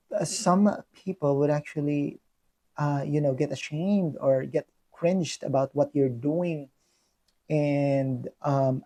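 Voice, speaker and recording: This young Filipino vlogger talks sincerely about his own reflections in a Filipino accent, his speech dotted with ums and restarts. His voice is slightly high, mellow and a bit breathy.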